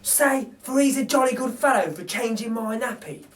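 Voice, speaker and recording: A man's voice: very high-pitched, moderate pace, voice pushed up. A man voicing a cheeky, good-natured working-class burglar in a storybook, with emphatic, colloquial speech. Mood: coaxing. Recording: distant microphone.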